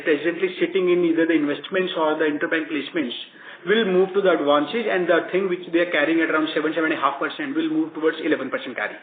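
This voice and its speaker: A man, a bank executive explaining results to analysts on a conference call, halting and rephrasing as he goes. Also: on the high side, a little hiss or hum. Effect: heard over a conference call line. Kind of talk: answering analyst questions on an earnings conference call. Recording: tinny echoey conference call line.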